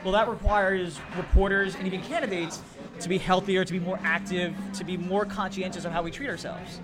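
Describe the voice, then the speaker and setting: A man who works as a political reporter, chatting casually as a podcast guest and telling animated stories. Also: high voice, a little fast, music in the background. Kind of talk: casual chat.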